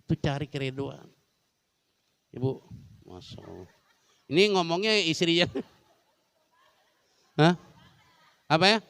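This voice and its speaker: A man leads a light-hearted religious lesson, teasing and questioning the women in his audience. His voice sits a little high and comes across smooth and clear. The sound is dry and close, with no room echo. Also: measured pace, pauses often, a bit bright. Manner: joking, keeps quizzing the women listeners. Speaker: religious teacher. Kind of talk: humorous Islamic study lesson. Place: large mosque.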